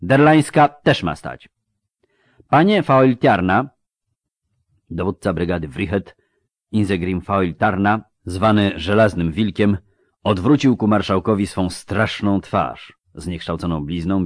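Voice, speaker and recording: A man narrating an audiobook in an expressive, theatrical way on a close mic. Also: low voice, normal speed, no room sound.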